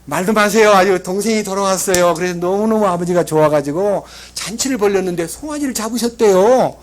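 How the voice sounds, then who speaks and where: A male pastor delivers a sermon in a lively storytelling way. His voice sits notably high for a man, and he swings between loud emphasis and soft asides. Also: fairly quick.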